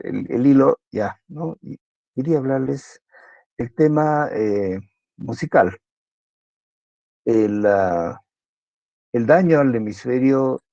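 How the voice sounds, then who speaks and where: A man gives an online university lecture in a chatty style, frequently finishing sentences as a question. His medium-pitched voice has a dark tone, and the recording is dry, dull and lo-fi.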